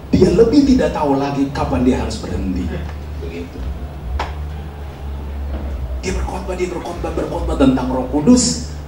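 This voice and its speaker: Man preaching in an echoey church. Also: mid-range voice. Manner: colloquial storytelling, frequent "amin" prompts. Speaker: pastor. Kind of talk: sermon with a told anecdote. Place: church service hall. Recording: echoey hall, mic from far off, faint noise.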